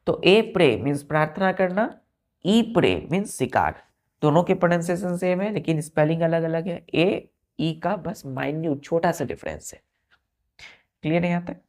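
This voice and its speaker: A woman's voice: on the low side, normal speed, darkish tone. A woman teaching a vocabulary lesson. She spells words out letter by letter and keeps checking that her students are following. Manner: spells words letter by letter, asks "clear?" often.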